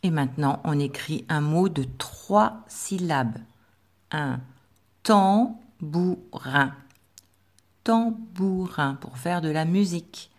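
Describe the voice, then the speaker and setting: A woman teacher giving a slow, patient dictation lesson to young pupils, spelling out sounds with careful articulation. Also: low-pitched, darkish tone. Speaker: primary school teacher.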